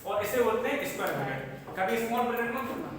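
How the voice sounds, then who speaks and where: A male math teacher with a high, bright voice lectures his class. He asks them questions and jokes between points. The sound is distant and boomy, with a long echo from the room around him. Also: sing-song, rapid-fire, a little hiss or hum. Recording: echoey classroom from far off.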